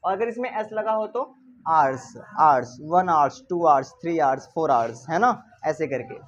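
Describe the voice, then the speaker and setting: A male teacher gives a grammar lesson in a playful, chiding manner, constantly asking rhetorical questions and repeating key words. His fairly high, expressive voice moves at a moderate pace on a dull lo-fi recording with slight background noise.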